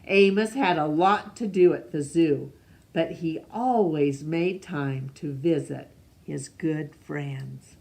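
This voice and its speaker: Deep and a little mellow, with some vocal fry, a woman storyteller reads a picture book aloud to young children. She reads expressively and leaves pauses for questions.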